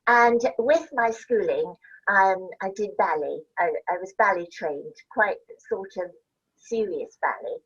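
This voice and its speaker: A woman's voice: mid-range voice, measured pace, a bit bright, breathy edge. Older lady from scotland rambling through stories, laughs a lot, kinda dull muffled sound. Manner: chatty, laughing, rambling anecdotes. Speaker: interview guest, actress. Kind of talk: casual chat.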